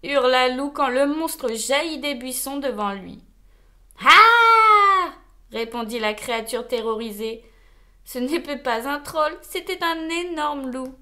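A woman reading a children's storybook aloud, slow, expressive and gentle. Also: high voice.

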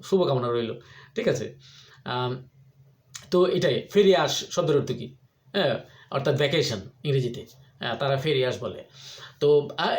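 A middle-aged man talks through practical advice in a loose, rambling way, stopping often on "ah" and restarting his sentences. His voice sits a little high for a man. The room around him has a clear echo. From Bangladesh. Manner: rambling, frequent "ah" fillers and restarts. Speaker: vlogger. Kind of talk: casual advice talk. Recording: echoey room.

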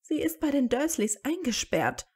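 A woman doing a brisk, motherly middle-aged witch. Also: sits high, sing-song, a little mellow, pitched above the performer's own voice. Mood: motherly, firm. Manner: firm and caring.

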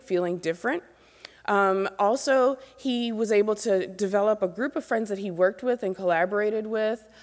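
A woman in her forties giving an earnest keynote lecture from a podium microphone on an auditorium stage, speaking directly to new graduate students. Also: mid-range voice. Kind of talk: motivational lecture. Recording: long reverb of a large hall.

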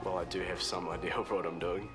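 Fast-talking low-voiced young Kiwi barman, acted by a man. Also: level tone, music in the background, close to an everyday voice. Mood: defensive, earnest. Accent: New Zealand. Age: 20s. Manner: stammering, informal. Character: cheeky, eager young barman, defensive but earnest. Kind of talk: naturalistic TV soap acting.

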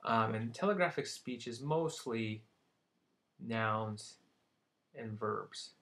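Speaking slowly in a mid-range, somewhat bright voice, a young man walks through psychology terms in an informal recorded lecture. Light jokes pepper his delivery, and he frequently checks understanding with "right?" and "okay?"

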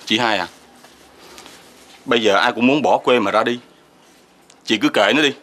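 A man's voice: medium pitch, moderate pace, natural voice. An actor playing a younger brother-in-law who teases and then bluntly advises the mother, in a TV drama. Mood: calm. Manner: teasing then calmly blunt. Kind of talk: TV drama acting.

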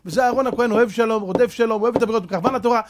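High-voiced fervent preaching rabbi. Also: male voice, noisy background. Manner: fervent, rhetorical questions, mixes slang with scripture. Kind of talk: Torah sermon.

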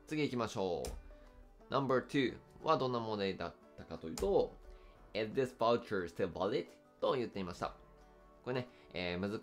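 Low-voiced man teaching English test answers. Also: fairly bright tone. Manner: slow careful English readouts, frequent fillers. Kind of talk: explaining test questions.

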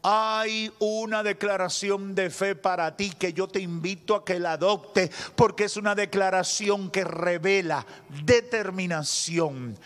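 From a church stage, a thirty-something preacher from the Dominican Republic, whose voice sits high, gives an impassioned sermon through a handheld microphone at the pulpit. His Dominican Spanish accent carries both forceful declarations and soft, slow moments.

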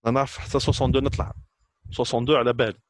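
This trainer, a man in his thirties with an Algerian accent, fires off an informal to-camera talk for students in French and Arabic, emphatic and repetitive. His medium-pitched voice stays fairly flat and rapid, and there's no room sound.

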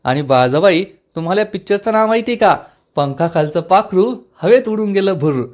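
A man's voice: high voice, expressive, a little fast. A man voicing a teasing, gleeful older village patriarch.

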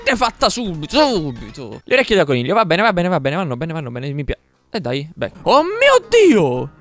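Excitable young man repeating words in bursts. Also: a little high, fairly quick. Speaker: gameplay commentator. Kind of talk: live let's-play commentary. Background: game music.

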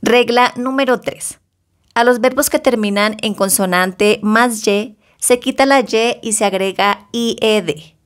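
A woman English teacher with a slightly high voice gives a slow, measured bilingual grammar lesson. She speaks deliberately, stretching out example words and pronouncing English with care.

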